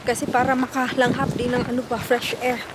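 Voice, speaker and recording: A woman's voice: on the high side, flat delivery, fast talker. A Filipino-accented woman chatting informally in a casual vlog, recorded outdoors on a walk. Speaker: vlogger. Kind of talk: casual vlog chat mixing Tagalog and English. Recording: loud wind and outdoor street noise.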